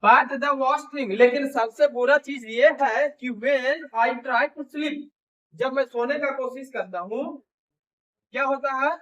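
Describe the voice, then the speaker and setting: A man teaching an English lesson, reading English lines slowly and loudly, then explaining them in casual Hindi. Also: very high voice, far from the mic, muffled recording.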